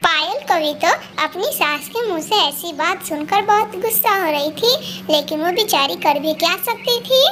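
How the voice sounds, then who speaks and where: Very high-voiced woman telling a cartoon story. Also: moderate pace. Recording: steady background noise.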